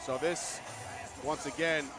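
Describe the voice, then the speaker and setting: A man calls live wrestling in a high, excitable voice. His play-by-play is exasperated and ready to argue, and loud music runs behind him. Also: slow. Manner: exasperated, argumentative with his co-commentator.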